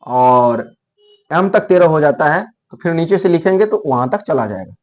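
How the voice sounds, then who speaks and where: A man with an Indian accent teaching English pronunciation, sounding out letters slowly and correcting himself as he goes. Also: fairly high pitch, lively intonation. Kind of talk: classroom pronunciation lesson.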